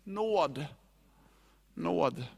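A male pastor preaches in a notably high voice, animated and informal. He hammers points home through repetition, with casual, everyday wording. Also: creaky. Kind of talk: sermon.

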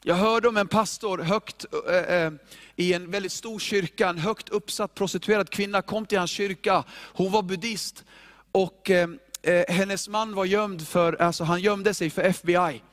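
A male pastor preaching a sermon in an animated, informal and emphatic way, often repeating himself. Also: high voice.

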